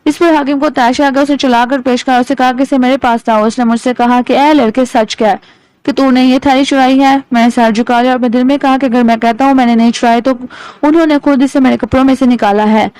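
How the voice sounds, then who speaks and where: A woman narrates an old tale in a steady, measured audiobook reading. Her voice is high and smooth, and the sound is close and dry. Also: no echo, poor audio. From Pakistan. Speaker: storyteller.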